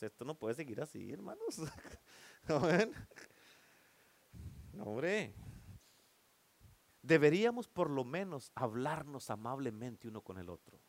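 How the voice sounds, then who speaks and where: A male pastor preaching a sermon in church, playful and teasing as he keeps calling for amens from the congregation. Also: fairly high pitch.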